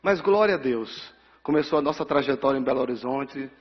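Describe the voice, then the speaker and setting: A middle-aged man from Bahia with a Bahian accent, a pastor telling his life story in a ceremony speech and acting out the dialogue with lively energy. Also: mid-range voice, brisk. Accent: Bahian Portuguese. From Bahia, Brazil. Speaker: pastor receiving an honorary title. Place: large council chamber. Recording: dull sound with long hall reverb.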